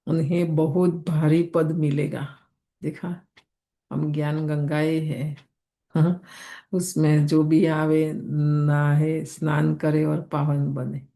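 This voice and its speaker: A woman's voice: deep voice, vocal fry, warm tone. A woman teaching a daily spiritual lesson in a conversational way, often checking in with her listeners. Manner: conversational, keeps asking listeners "isn't it?".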